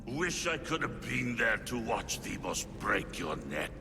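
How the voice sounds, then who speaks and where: In a video game cutscene, an actor plays a brutal, vulgar, menacing crime lord of an ancient city, sneering, swearing, and threatening in vengeful rage. His male voice is medium-pitched, very animated, and unhurried, recorded with long reverb and loud music behind it.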